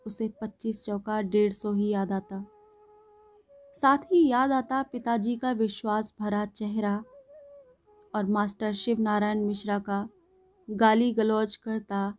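A woman reading a story aloud in a calm, measured storytelling voice. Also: mid-range voice. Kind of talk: storytelling narration. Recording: faint background music.

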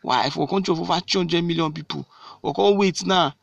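A man's voice: a little high, fairly quick, gravelly, fairly bright tone, no room sound, dull audio. A man with a Nigerian accent speaking directly to fellow citizens in a civic talk, repeating key phrases and answering his own questions.

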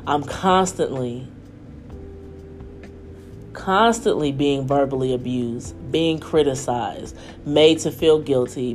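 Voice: mid-range voice, a little mellow. A podcast host reading their own essay aloud as a candid, emphatic personal monologue, breaking off for off-the-cuff asides.

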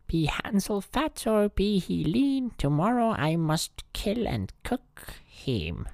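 A man's voice: high voice, very animated, slow, vocal fry, a little mellow, dry recording, clean studio sound, voice pushed up, exaggerated voice. A man voicing a cruel, scolding old witch in a read-aloud bedtime fairy tale. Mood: menacing. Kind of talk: bedtime story reading.

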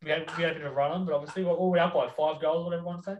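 An Australian man hosts a casual footy podcast at a rapid clip. His voice sits slightly high, recorded in an echoey room at some distance from the microphone. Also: fairly even intonation, dull audio, background noise. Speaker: podcast host. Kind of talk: casual sports chat. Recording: roomy echo, distant microphone.

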